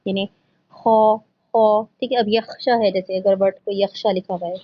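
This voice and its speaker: A female tajweed teacher gives an online Quran recitation lesson, patiently working step by step and mixing in English words. Her medium-pitched voice stays fairly even, and the audio sounds dull.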